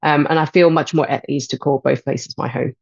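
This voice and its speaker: A woman's voice: low-pitched, fairly even intonation, gravelly, dry recording. Thoughtful woman guest, dull dry sound. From Hong Kong. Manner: thoughtful, measured, frequent "um". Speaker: guest, life and transition coach. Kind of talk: podcast interview.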